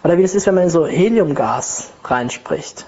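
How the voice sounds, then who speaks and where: A woman's voice: on the low side, lively intonation, moderate pace, darkish tone, lo-fi sound. A woman giving a personal development talk, telling her own story conversationally with tag questions. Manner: conversational, tag questions, acts out inner voices. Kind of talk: lecture with personal anecdote.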